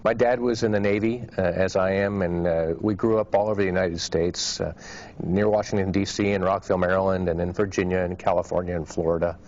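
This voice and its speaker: A man, a Navy pilot astronaut, talking relaxed in a documentary interview. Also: sits low, brisk. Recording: dull lo-fi recording.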